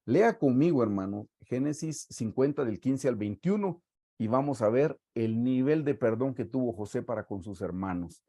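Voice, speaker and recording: A man with a Guatemalan Spanish accent preaching a sermon, reading scripture aloud and stressing words slowly for emphasis. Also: mid-range voice, animated, mellow, no room sound. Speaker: pastor.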